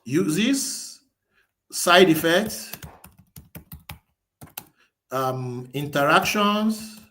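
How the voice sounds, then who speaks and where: A man's voice: on the high side, lively intonation, extremely slow, a bit bright. A man presenting a webinar as a live screen-share tutorial, thinking aloud as he types, restarting and correcting himself.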